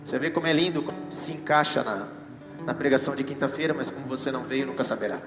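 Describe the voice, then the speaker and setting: A man's voice: mid-range voice, fast talker. A man with a Brazilian Portuguese accent preaching a sermon as pastor, chatty and joking, with asides to the congregation. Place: church hall. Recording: echoey church hall with music. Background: music.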